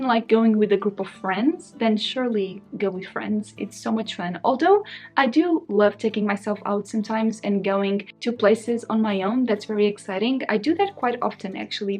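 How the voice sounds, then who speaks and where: A young book vlogger talks casually to the camera, wavering over her thoughts and laughing frequently. Her first language is Portuguese, and her voice is fairly high with a darkish tone. Faint guitar music can be heard behind her.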